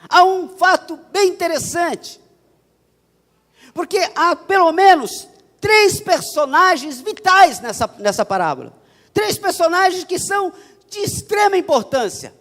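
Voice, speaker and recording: A man's voice: very high voice, fairly bright tone. A man preaching a sermon as a pastor, with a Paulista accent and an emphatic style that repeats phrases. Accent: Paulista Portuguese. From São Paulo, Brazil. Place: church. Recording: church hall reverb.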